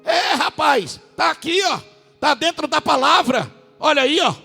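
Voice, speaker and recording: A male pastor preaching a sermon, with a northern Brazilian accent, a raspy voice, and sudden shouted peaks between drawn-out words. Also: very high voice, lively intonation, long reverb tail, faint music behind. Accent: Brazilian Portuguese, northern.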